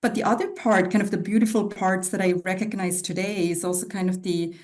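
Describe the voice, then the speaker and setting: A woman's voice: on the low side, darkish tone. A woman raised in Switzerland, a podcast guest, speaking in a reflective, casual way with many fillers. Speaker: guest, non-profit CEO. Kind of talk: casual interview talk.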